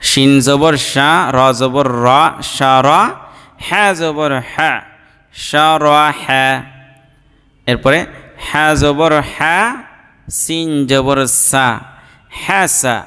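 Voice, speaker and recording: A man leads a slow, drilled reading lesson, naming each letter and its vowel before blending the sounds together. His voice is clear and smooth and sits a little high. The sound rings with a long hall reverb. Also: fairly even intonation, pushed and bright. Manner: spells each letter and vowel slowly, then joins syllables. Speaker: Quran reading teacher.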